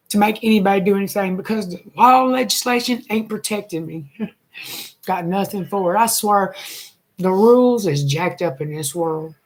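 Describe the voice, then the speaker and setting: A woman, a single mother venting in a blunt, emotional rant full of swearing and bitter laughs. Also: mid-range voice. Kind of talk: angry personal rant.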